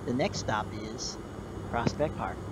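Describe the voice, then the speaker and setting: A man speaks over a train intercom in the formal manner of a conductor, repeating key words as he goes. His voice sits at an ordinary middle pitch. Loud, constant train noise runs under every word. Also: lively intonation, unhurried. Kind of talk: train public-address announcements.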